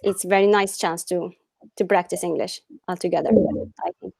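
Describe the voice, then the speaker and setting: A woman's voice: fairly low pitch, fairly even intonation, moderate pace, gravelly, darkish tone, dry recording. Hesitant woman. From Saudi Arabia and Syria. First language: Arabic. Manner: hesitant, searching for words, laughing often. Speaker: student. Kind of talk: introducing herself in class.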